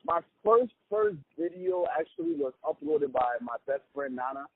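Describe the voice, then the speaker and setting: A man's voice: fairly high pitch, wildly swooping pitch, moderate pace, creaky, slightly rough, no room sound. A young man from Ghana, a comedian, chatting easily in a casual interview over the phone. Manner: easygoing, upbeat, chatty with fillers. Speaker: comedian guest. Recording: tinny phone-line sound.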